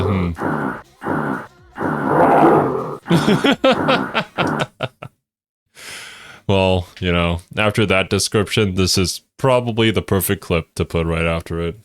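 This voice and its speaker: A man's voice: low-pitched, dry recording. A man giving casual, unscripted reaction video commentary in a thoughtful, somewhat hesitant, musing way.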